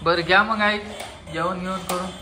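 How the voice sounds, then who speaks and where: A man's voice: high-pitched, steady tone, normal speed. A man chatting playfully at home for his family vlog, coaxing the children as he films. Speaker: family vlogger. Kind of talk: casual home vlog chat. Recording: noisy home phone recording.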